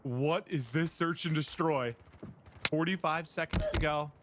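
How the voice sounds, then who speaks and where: A man casting esports with excited play-by-play, swinging between tense murmurs and drawn-out shouts. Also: a little high. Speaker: esports caster. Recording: noisy, game sounds behind.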